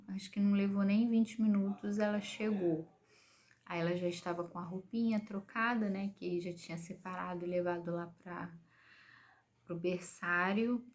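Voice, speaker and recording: A young woman from Brazil calmly recounting a personal experience in casual storytelling, often adding little tag questions. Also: medium pitch. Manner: calm, gentle retelling with frequent "né?" tag questions. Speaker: vlogger telling her birth story.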